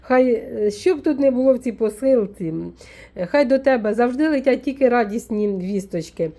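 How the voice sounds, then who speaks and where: A woman from Ukraine, a folk witch vlogger, chatting warmly as she unpacks a parcel, full of fond diminutives. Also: a little high, animated, moderate pace. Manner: warm, doting, with many fond diminutives. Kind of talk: casual unboxing vlog.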